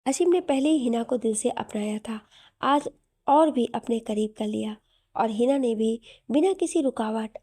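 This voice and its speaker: A woman narrating a romantic audio story in a soft, even storytelling manner. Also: a little high, breathy edge, dry recording, clean studio sound.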